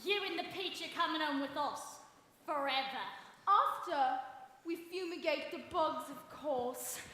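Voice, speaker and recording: An actress playing a cruel, scheming aunt in a stage musical, sneering and mock-sweet. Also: female voice, sits high, unhurried, sharp tone, slight background noise. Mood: mock-sweet menace. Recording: echoey hall with music.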